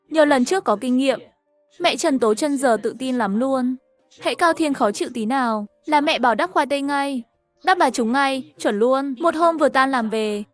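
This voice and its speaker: A woman tells a cartoon story in a brisk, chatty way. Her voice sits high, and soft music plays quietly underneath. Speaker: narrator. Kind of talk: dubbed cartoon story narration. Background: faint music.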